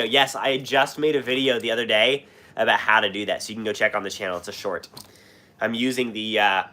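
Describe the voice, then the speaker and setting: His voice lowish and sharp in tone, a young man from Washington State with a West Coast accent chats on a livestream while sick. He answers viewers loosely, coughing, clearing his throat, and rambling with fillers and restarts.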